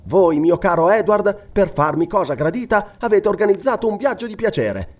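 Storybook noblewoman, young, resolute and kind, voiced high by a male reader. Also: animated, moderate pace, a little mellow. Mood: earnest. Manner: raised pitch, earnest pleading. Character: young noble wife, firm and generous.

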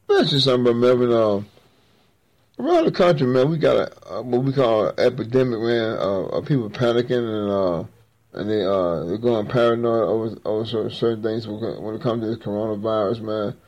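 A man's voice: mid-range voice, lively intonation, fairly quick, a little mellow. A man hosting a religious talk show, with a folksy, colloquial and preacherly way of talking. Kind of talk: preacherly show introduction and interview.

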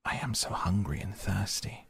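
A man voicing a hungry little grey-haired old man in a fairy tale, softly pleading. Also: on the low side, lively intonation, moderate pace, vocal fry, slightly rough, no room sound, heavily acted.

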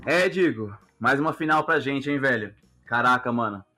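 A man's voice: mid-range voice, moderate pace, bright, forceful tone, soft background music. A Brazilian man co-hosting a football podcast in casual, slangy chat.

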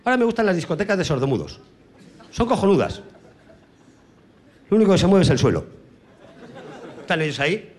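A man from Spain doing a crude stand-up comedy monologue on stage, with brash punchlines and sudden shouted sound effects. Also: high-pitched, big pitch swings, fairly quick, long pauses.

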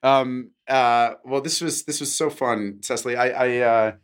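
A man hosting a podcast interview, talking in a halting, playful way. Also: medium pitch, fairly even intonation, smooth. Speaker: podcast host.

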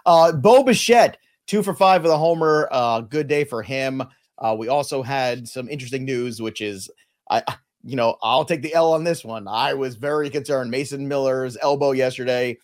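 A man's voice: medium pitch, normal speed. A man co-hosting a fantasy baseball podcast, talking in a conversational, analytical and joking way. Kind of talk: casual chat.

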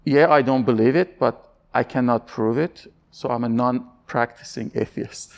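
A man's voice: mid-range voice, moderate pace, vocal fry. A man from Iran, giving candid interview answers in an earnest, searching way, often restarting his sentences.

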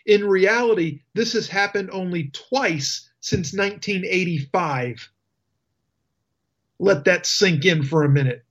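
Male radio host, slightly high voice, slow emphatic delivery, ranting with sarcasm. Dull lo-fi broadcast sound. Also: a bit bright. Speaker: radio talk show host. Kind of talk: political talk radio commentary.

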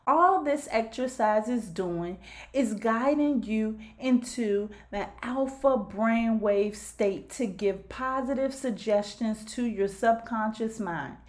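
A woman's voice: a little high, slow pace. A woman podcast host giving a motivational self-help talk straight to her listeners.

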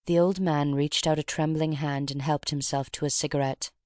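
A narrator reading a classic story aloud in an audiobook, in a steady, even voice. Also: medium pitch, normal speed, no room sound, studio quality. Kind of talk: scripted narration.

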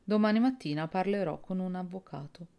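A woman reading an audiobook and voicing a determined, businesslike young woman who speaks firmly and in a measured way, with a low, gravelly voice. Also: warm tone.

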